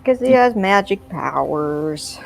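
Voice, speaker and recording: Lowish-voiced woman, dry and blunt. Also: animated, takes it slowly, vocal fry. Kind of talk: casual tabletop game chat.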